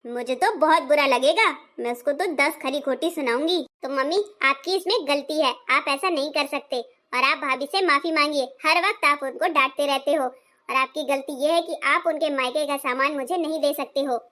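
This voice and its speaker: A woman's voice: sits high, moderate pace, bright, forceful tone. A woman voicing an outspoken young daughter who firmly sets her mother right, in a family skit. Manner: firm, earnest. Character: outspoken young daughter visiting home, fair-minded.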